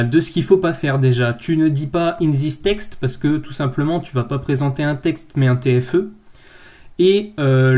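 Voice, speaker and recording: A man's voice: fairly high pitch, darkish tone. A man working as a nursing thesis tutor, correcting a student's abstract in an informal screen-share tutorial. He speaks directly to the viewer and hesitates often.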